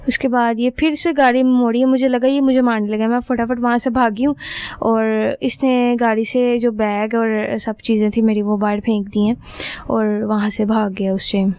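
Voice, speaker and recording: A young woman gives an interview about her own ordeal. Her fairly high voice is smooth and clear. She tells it earnestly and at length, and keeps checking in with her listener as she goes. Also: level tone, a little mellow, no room sound. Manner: earnest, rambling retelling with frequent checking-in fillers. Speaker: interviewee recounting a crime. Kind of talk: personal testimony in an interview.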